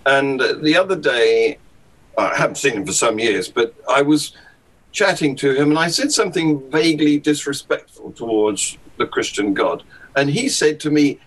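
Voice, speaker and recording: A man's voice: medium pitch, animated, normal speed, a bit bright, low-quality recording. A man talking casually as a guest in a discussion, wry and reasoned, often chuckling.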